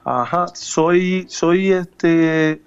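A man in his thirties from Puerto Rico with a Puerto Rican Spanish accent, a gospel musician speaking haltingly with many fillers in a radio interview. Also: a little high, clear, resonant tone, muffled recording, faint music behind. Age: 30s. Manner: hesitant, many fillers and restarts.

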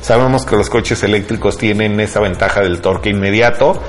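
This podcast host, a middle-aged Mexican-accented man, keeps his tech news chat conversational and colloquial, frequently tacking on small questions to invite agreement. He speaks briskly at a fairly low pitch over background music.

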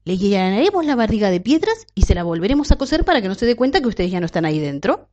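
A woman's voice: medium pitch, sing-song, quick pace, darkish tone, lightly acted. A woman voicing a curious, bold male hunter in a children's story. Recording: dull lo-fi recording.

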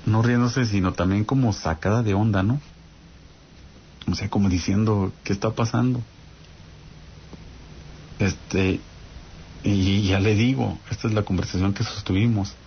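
A man's voice: fairly low pitch, fairly even intonation, moderate pace, highs cut off, slight background noise. A man with a Mexican accent telling a spooky personal story in a casual way, often turning to his listeners to check they follow. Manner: talks straight to listeners with frequent "¿no?" check-ins. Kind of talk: casual spoken ghost story.

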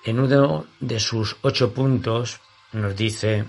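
A man with a Castilian accent from Spain guides a yoga class as the teacher, in a soothing, unhurried, deliberate way with pauses between phrases. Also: medium pitch, fairly even intonation, gravelly.

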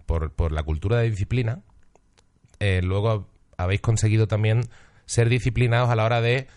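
A man from Spain, a comedian hosting a podcast, chatting in a relaxed way and swearing freely. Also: on the low side, moderate pace. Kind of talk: casual podcast chat.

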